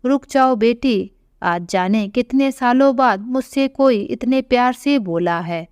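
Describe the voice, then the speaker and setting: A woman voicing a frail elderly widowed mother who speaks softly and tearfully in an audio story. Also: fairly high pitch, measured pace, clear, resonant tone, dry recording, studio quality, lightly acted.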